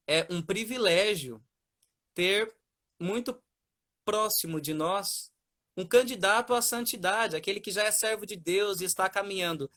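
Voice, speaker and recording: A man's voice: high-pitched, a little slow, fairly bright tone. A man, a seminarian interviewer greeting his guest in an earnest, effusive way. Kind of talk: formal welcoming interview intro.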